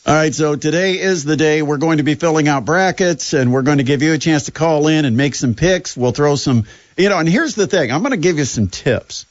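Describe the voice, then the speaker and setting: A man's voice: on the high side, animated, fairly quick, no room sound, dull audio. A man hosting a sports radio show, talking casually with sarcasm and plenty of fillers. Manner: sarcastic, chatty, lots of fillers.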